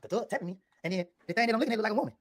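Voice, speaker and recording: Man, husky, rapid-fire interview storyteller, defensive and insistent, dry close recording. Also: high voice, animated, no room sound.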